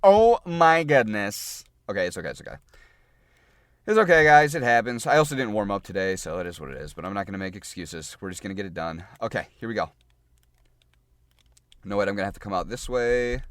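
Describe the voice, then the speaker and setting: A man with a lowish voice walks through game tactics in a loose, chatty way, repeating phrases and thinking aloud as he plays. The sound is dry and close, with no room echo. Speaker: gaming guide creator. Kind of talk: casual gameplay tutorial.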